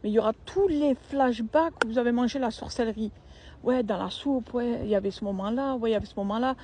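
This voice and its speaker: A woman's voice: on the high side, quick pace, dark tone, breathy edge. A young woman, telling a personal story in a casual, slangy, emphatic and repetitive way.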